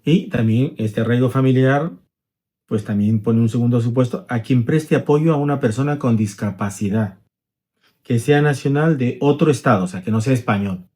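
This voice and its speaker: A man's voice: medium pitch, normal speed, mellow. Middle-aged male lawyer, conversational explainer, illustrative examples, frequent tag questions. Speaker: immigration lawyer.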